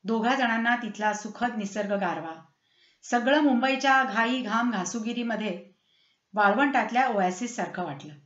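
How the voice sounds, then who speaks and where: A woman storyteller reads with lively, dramatic expression. Her voice sits on the higher side. The recording is roomy and slightly muffled. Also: moderate pace.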